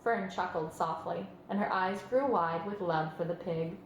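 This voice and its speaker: A woman's voice: lowish voice, moderate pace, a little hiss or hum. A woman reading a children's story aloud as scripted narration. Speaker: storybook reader. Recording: roomy sound, music behind. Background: music.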